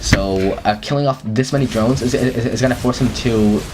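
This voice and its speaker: A man's voice: mid-range voice, moderate pace, noisy background. A young man giving casual commentary over his own gameplay, stumbling and restarting often with many fillers.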